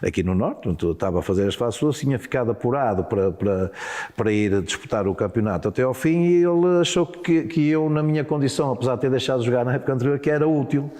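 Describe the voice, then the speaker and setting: This former handball player, a middle-aged man with a European Portuguese accent, recounts stories in an easygoing interview set in a large hall. His mellow, mid-range voice moves at a quick pace. He hesitates constantly, tripping over words, repeating himself, and starting sentences over.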